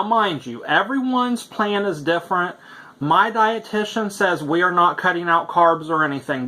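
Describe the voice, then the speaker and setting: A vlogger chats in a casual video diary, eating as he talks. His medium-pitched voice sounds pushed and bright, and he rambles with plenty of fillers.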